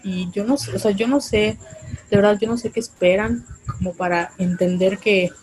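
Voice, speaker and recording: Impassioned young woman, mellow voice. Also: medium pitch, normal speed, husky, poor audio. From Mérida, Yucatán, Mexico. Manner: impassioned, blunt, casual swearing. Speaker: podcast co-host. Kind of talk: casual podcast chat.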